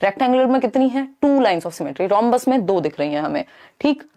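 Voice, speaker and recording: A woman's voice: fairly high pitch, animated, brisk, warm tone. A woman teaching an exam-prep maths lecture, explaining in a mix of Hindi and English and repeating key phrases.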